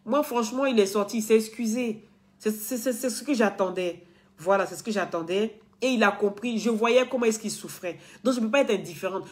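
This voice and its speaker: A woman blogger with a mid-range voice talks a little fast, straight to camera for her followers. She's earnest and lecturing in a casual way, often repeating herself and restarting.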